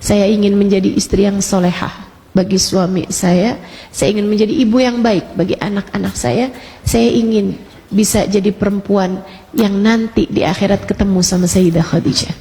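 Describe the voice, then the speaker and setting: A woman voicing a remorseful young wife, speaking slowly and softly through tears. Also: medium pitch, fairly even intonation, close to an everyday voice. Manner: slow, soft, tearful delivery. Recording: reverberant hall with music.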